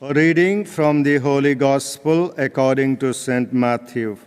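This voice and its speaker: A man, a priest, reading the Gospel and preaching in a solemn, deliberate manner, his voice ringing with cathedral echo. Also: mid-range voice, a little mellow, clear, resonant tone. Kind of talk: liturgical Gospel reading and homily. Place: large church, live Mass. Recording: cathedral echo, long church reverb.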